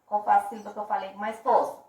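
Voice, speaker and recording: A Brazilian Portuguese-speaking woman teaching a primary school class by video, drawing out each word slowly and speaking with affectionate diminutives. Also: mid-range voice, level tone, a little mellow, echoey room, distant mic, low-quality recording. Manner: slow, drawn-out emphasis on words. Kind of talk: remote class video lesson.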